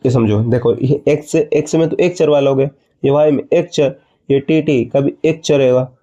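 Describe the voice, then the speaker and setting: Mellow-voiced man teaching maths. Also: medium pitch, steady tone, moderate pace, muffled recording. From India. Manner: explains step by step, asks the student questions and answers them. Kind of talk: classroom maths lesson.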